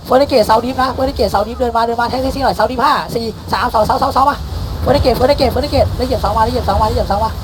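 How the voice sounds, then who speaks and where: A man calling shots in a game battle, barking rapid repeated commands and countdowns, mixing English callouts into his speech. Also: very high voice, noisy background. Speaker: guild war shotcaller. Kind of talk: live game commands over voice chat.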